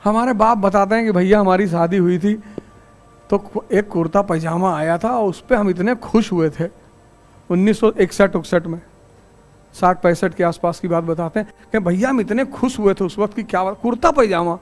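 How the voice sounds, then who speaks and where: A man's voice: sits high, moderate pace. A man teaching a class, giving a motivational lecture full of stories and rhetorical questions, firm when he lays down rules. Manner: storytelling, wry, with rhetorical questions.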